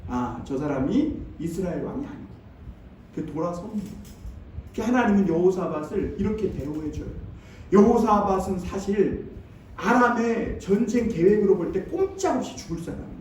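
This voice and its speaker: High-voiced pastor preaching in an echoey church. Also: male voice, mellow. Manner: storytelling, conversational, asks congregation questions. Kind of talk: sermon. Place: church sanctuary. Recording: very echoey hall, distant mic.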